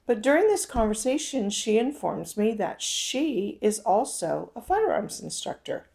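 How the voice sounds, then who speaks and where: A woman's voice: fairly high pitch, very animated, a little slow, creaky, a little mellow. Woman telling a personal story. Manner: conversational, addresses listeners directly. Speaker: self-help speaker.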